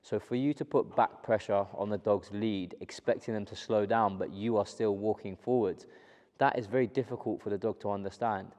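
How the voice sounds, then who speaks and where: A man working as a dog trainer, explaining his method to the camera in a calm, steady way and repeating the key points. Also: lowish voice, moderate pace. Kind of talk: instructional talk to camera.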